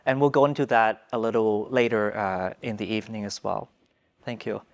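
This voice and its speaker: A man's voice: lowish voice, fairly even intonation, moderate pace, creaky. A man in his thirties moderating a studio panel discussion as host, speaking in a hesitant, thoughtful way on a lapel mic. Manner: hesitant, thoughtful, with many fillers. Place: dark studio stage.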